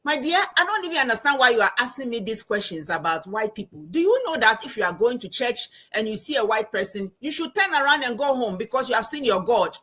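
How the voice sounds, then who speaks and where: A woman from Ghana with a Ghanaian accent, a guest telling stories in an animated, emphatic way in a casual podcast interview over a call. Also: a little high, fast, few pauses, slightly rough. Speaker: guest, anthropology professor and financial coach.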